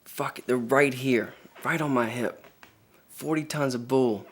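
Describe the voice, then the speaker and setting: An actor playing a young soldier telling a wild story, profane and swaggering. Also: male voice, medium pitch, steady tone, measured pace. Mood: brash. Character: brash young male soldier, reckless storyteller. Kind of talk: dramatic monologue.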